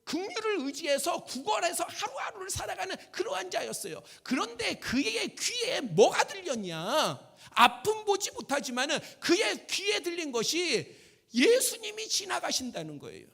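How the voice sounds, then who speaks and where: A male pastor preaching a sermon in an emphatic way. He repeats his phrases and at times rises to a shout. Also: very high voice, sing-song, moderate pace, gravelly. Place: church sanctuary.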